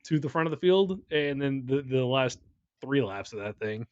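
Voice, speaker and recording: A man's voice: medium pitch, lively intonation, normal speed, dry recording. A man hosts a podcast, bantering and steering the talk. His voice is recorded dry and a bit dull. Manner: bantering, leads the topics. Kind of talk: casual podcast chat.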